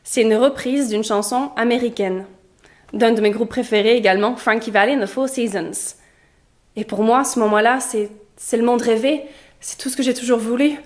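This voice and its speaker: A young woman vlogging in a lively, chatty way, telling stories to her viewers. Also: a little high, moderate pace. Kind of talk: casual vlog monologue.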